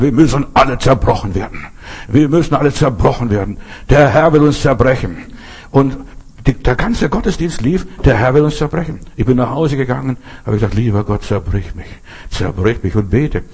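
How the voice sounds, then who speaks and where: Male preacher, husky voice, folksy sermon full of asides to the congregation. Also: mid-range voice, darkish tone. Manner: folksy, addresses listeners directly with frequent asides. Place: Berlin.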